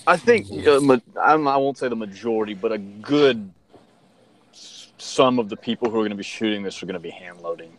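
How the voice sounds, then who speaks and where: A man's voice: lowish voice, lively intonation, fairly quick, poor audio. Male co-host, casual talk, tentative and hedging. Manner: hedging, thinks aloud. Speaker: podcast co-host.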